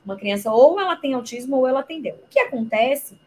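Woman explaining, slightly high voice. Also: lively intonation, fairly quick, a little hiss or hum, poor audio. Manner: didactic, explains with examples and rhetorical questions. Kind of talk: explanatory talk in a live interview.

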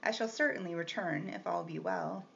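A woman's voice: lowish voice, normal speed, gravelly, fairly bright tone. A woman reading the part of a composed young governess, polite but firm and restrained. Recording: slightly muffled with faint hiss.

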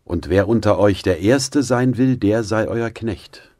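A man reading the words of Jesus in a scripture audiobook, in a solemn, measured way. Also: fairly low pitch, warm tone, no room sound, clean studio sound, pitched above the performer's own voice, lightly acted. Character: Jesus, calm authoritative male teacher.

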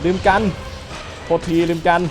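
A young man giving excitable let's play commentary, trash-talking enemies with frequent exclamations. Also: normal speed. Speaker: gaming channel host. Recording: loud game music behind voice.

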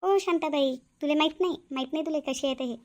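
A woman's voice: sits high, fast, darkish tone, close to an everyday voice. A woman voicing a gossipy, quarrelsome middle-aged village woman in a cartoon, speaking. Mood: gossiping. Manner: defiant, quarrelsome.

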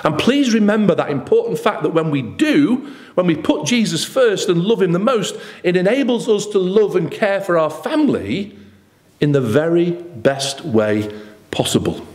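A man's voice: sits high, animated, normal speed, a little mellow. A middle-aged man preaching a sermon at a lectern in a church, earnest and emphatic with rhetorical questions. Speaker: pastor. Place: church hall with red curtains. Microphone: lectern microphone.

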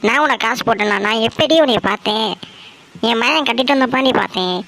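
A woman's voice: on the high side, fast, gravelly, a bit bright, slight background noise, low-quality recording. A woman voicing a scolding, bossy mother-in-law in a homemade cartoon, with harsh, scornful nagging.

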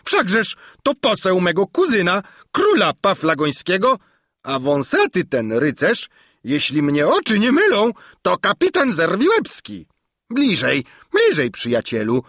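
A man's voice: sits high, wildly swooping pitch, unhurried, gravelly, fairly bright tone, no echo, studio quality, pitched above the performer's own voice, heavily acted. A man voicing a cruel, hot-tempered tyrant king who shrieks out orders in an audiobook. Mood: hearty, boastful. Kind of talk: audiobook character voice.

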